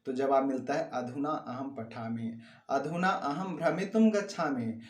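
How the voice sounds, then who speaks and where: A man's voice: medium pitch, measured pace, reverberant. A man teaching Sanskrit grammar to students. He reads each sentence out and then explains what it means, repeating the key words with emphasis. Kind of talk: classroom lesson explaining grammar.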